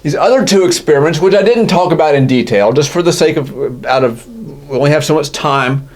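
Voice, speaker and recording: A man's voice: a little high, fairly quick, darkish tone. Casual male physics lecturer. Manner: casual, self-correcting, asks "right?" often. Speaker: physics teacher. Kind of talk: classroom lecture.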